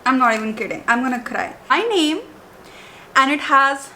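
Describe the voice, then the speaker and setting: Young woman, twenties, casual vlogger, gushing and emotional; high, bright voice with faint room hum. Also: expressive, moderate pace. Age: 20s. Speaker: book vlogger. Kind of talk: casual unboxing vlog.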